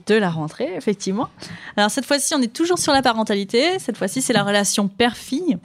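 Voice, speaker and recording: A woman's voice: on the high side, sing-song, fast talker. A woman presenting books in a casual chat, talkative with frequent fillers and easy laughter. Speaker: book reviewer on a radio show. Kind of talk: casual book chat and reading aloud.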